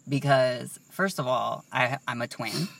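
Gravelly chatty young man, a bit distant. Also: medium pitch, a little slow, a bit bright, a little hiss or hum. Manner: chatty, rambling, says "like" a lot. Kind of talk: casual chat.

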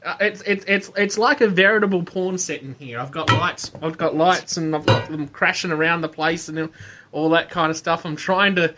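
A man's voice: on the high side, normal speed, bright, forceful tone, a little hiss or hum. A man with an Australian accent joking casually as a radio co-host, often repeating his phrases. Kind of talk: casual chat. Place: his bedroom.

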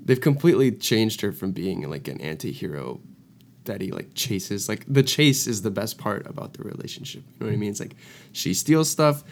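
A hungover man co-hosting a casual podcast, griping bluntly in slangy, rambling talk. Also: lowish voice. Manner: hungover, feeling awful. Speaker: podcast co-host. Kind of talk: casual chat, opinionated rambling.

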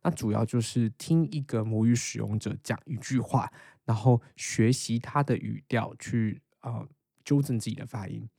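A man's voice: mid-range voice, normal speed, creaky, warm tone, dry recording. A young man with a Taiwanese Mandarin accent who hosts a podcast, casually and patiently explaining how he learns English. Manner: explains patiently, then reads English lines aloud as a shadowing drill. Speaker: podcast host.

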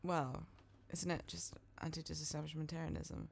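A young British woman chatting casually as a podcast co-host, with an animated, talkative manner. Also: sits low, normal speed, creaky. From United Kingdom. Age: young adult. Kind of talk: casual chat.

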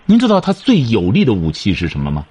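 A man's voice: lowish voice, wildly swooping pitch, fast, a little mellow, slightly rough. A man hosting a radio advice show, lecturing a caller in an emphatic, repetitive way.

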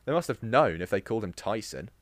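A man's voice: on the low side, very animated, quick pace, no room sound, clean studio sound. Jokey man hosting a podcast. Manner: chatty and jokey, laughs often, trails off into restarts. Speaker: podcast host. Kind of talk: casual podcast chat.

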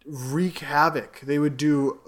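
A man's voice: a little high, steady tone, slow pace. A man co-hosting a casual podcast from home, telling rambling, jokey stories about a game. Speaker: podcast co-host. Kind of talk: casual chat.

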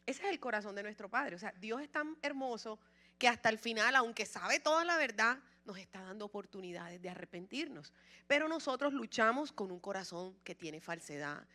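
A middle-aged woman pastor preaching a lively sermon, often calling on the congregation to answer and repeat after her. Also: a little high. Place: church sanctuary.

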